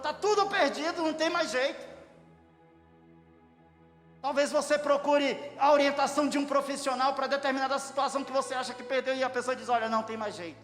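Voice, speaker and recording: A man preaching an impassioned sermon, bursting into shouted praise. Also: very high-pitched. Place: church hall. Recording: echoey church hall with music.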